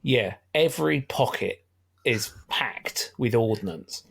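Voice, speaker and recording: A man's voice: medium pitch, expressive, slow pace, creaky, slightly rough. A middle-aged man, chatting wryly about a film as a podcast co-host. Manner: chatty, wry, laughs often. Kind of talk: casual film discussion.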